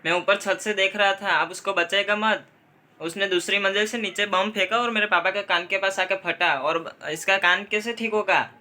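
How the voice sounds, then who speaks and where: A young man acting out a comedy sketch, playing several family roles and switching his pitch between them. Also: fairly even intonation, moderate pace, bright, forceful tone.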